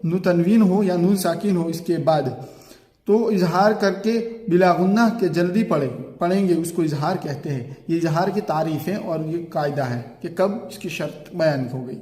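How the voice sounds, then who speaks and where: A man with a high voice teaches a recitation lesson. He lays out each rule patiently, draws the example words out slowly and checks that the learner follows. The sound is roomy, with a long reverb tail. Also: warm tone. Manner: asks "ठीक है?" to check the learner. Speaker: Quran reading teacher. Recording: echoey room with long reverb.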